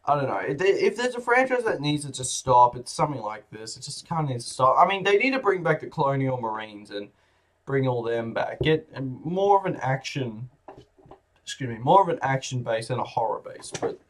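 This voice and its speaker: A man at a mid-range pitch rants through a casual video review, blunt and profane. He wanders off track and circles back to his point. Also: sing-song, a little fast. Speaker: film reviewer.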